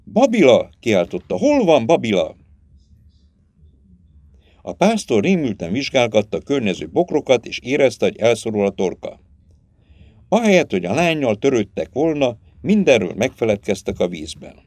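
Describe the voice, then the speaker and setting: A man narrates a novel as an audiobook in a dramatic storytelling manner. His voice sits mid-pitch but moves widely and expressively. The recording is dry and close with no room sound. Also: very animated, a little mellow, dry recording.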